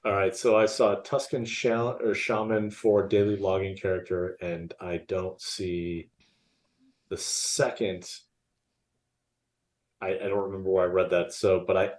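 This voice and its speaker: A man with a deep, low voice co-hosts a casual live podcast. He rambles, restarts his sentences and fills his pauses as he talks things through. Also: steady tone. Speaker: podcast co-host.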